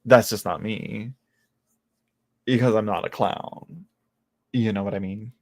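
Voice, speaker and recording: Late-twenties tarot reader, gravelly and chatty, rambles and restarts a lot, teases himself. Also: male voice, on the low side, fairly even intonation, measured pace. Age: late 20s. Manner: rambling, self-mocking, many restarts. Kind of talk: casual live-stream chat.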